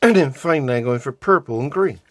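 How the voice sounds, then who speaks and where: With lively intonation and a medium-pitched but croaky voice, a man from the United Kingdom clears his throat as he works. He's a resin art vlogger giving casual, unhurried, chatty how-to narration, explaining a resin project step by step while doing the craft with his hands.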